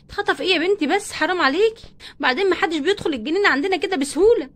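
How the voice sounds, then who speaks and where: A woman with an Egyptian accent voicing a fond, calm mother who reassures her grown daughter in a doll play story. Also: very high voice, very fast. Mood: soothing. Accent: Egyptian Arabic. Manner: reassuring, affectionate.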